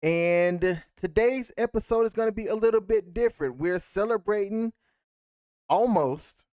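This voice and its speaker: A man's voice: sits high, moderate pace, darkish tone, no room sound, clean studio sound. An American man co-hosting a casual live-stream chat as a podcast host.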